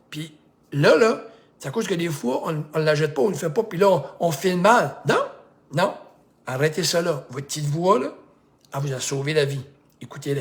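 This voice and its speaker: A middle-aged man with a Québécois accent, a life coach giving a casual, rambling motivational talk that repeats itself and acts out bits of dialogue. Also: a little high. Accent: Québécois French.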